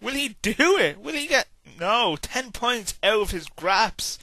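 Tired male wrestling commentator, bright and slow, casual and rambling, dry close sound. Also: high-pitched, big pitch swings, no echo. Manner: casual, rambling, hums and sings to himself between calls. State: tired, yawning. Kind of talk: video game wrestling commentary.

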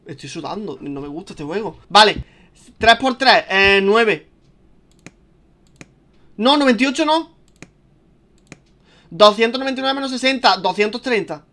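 Bright-voiced young Spanish gamer man. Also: sits high, expressive, measured pace, pauses often. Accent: Spain Spanish. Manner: chatty, swears a lot, gets panicky and shouts when scared. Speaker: gaming streamer. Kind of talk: casual let's-play commentary.

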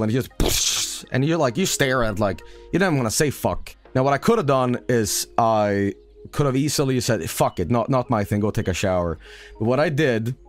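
A young man streaming a game, rambling profanely and breaking into sudden loud outbursts. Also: mid-range voice. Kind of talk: casual live-stream commentary.

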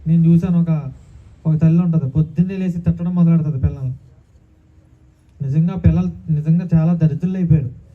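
A man's voice: a little high, fairly even intonation, fairly quick, long pauses. A man preaching a sermon as pastor, calling out hallelujah often and asking the congregation questions. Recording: tinny phone-like sound.

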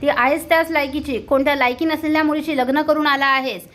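A woman's voice: high voice, steady tone, quick pace, a bit bright. A woman voicing an angry man who scolds his younger brother, in a reproachful, scornful way.

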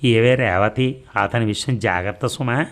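A man voicing an anxious older mother who warns her daughter in a slightly raised, slow voice. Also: medium pitch, lightly acted. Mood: warning.

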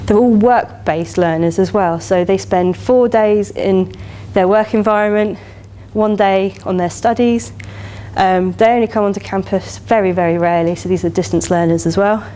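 A woman's voice: medium pitch, normal speed, mellow. A woman in her thirties with an English accent, giving a conference keynote in a chatty, enthusiastic way with many "you know" fillers. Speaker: keynote speaker. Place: lecture hall, standing by a lectern.

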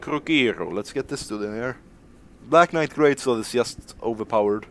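A man's voice: medium pitch, moderate pace, a bit bright, slight background noise. A man from Sweden giving casual live-stream commentary while he plays a game, rambling, joking at his own expense and swearing casually. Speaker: gaming streamer.

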